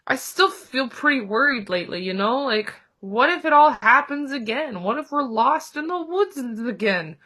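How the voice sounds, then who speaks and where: A woman voicing a small, anxious piglet who is timid and self-doubting, speaking haltingly with a stammer. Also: high voice, lively intonation, pushed and bright, exaggerated voice. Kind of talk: role-played therapy client in character.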